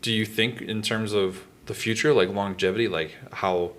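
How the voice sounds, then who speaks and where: A man from Northwestern Ontario hosting an interview, talking in a rambling, halting way with many restarts and fillers. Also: on the low side, steady tone, fairly bright tone, a little hiss or hum. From Northwestern Ontario, Canada. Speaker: podcast host. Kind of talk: casual interview chat.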